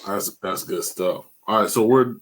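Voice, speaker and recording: A young man hosting a podcast in casual chat, animated and laughing as he retells jokes. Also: fairly low pitch, unhurried. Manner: animated storytelling, laughs a lot, sings bits of jokes. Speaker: podcast host.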